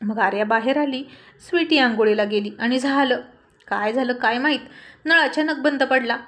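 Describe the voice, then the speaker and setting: A woman's voice: on the high side, moderate pace, fairly bright tone. A woman narrating a family story aloud as a storyteller.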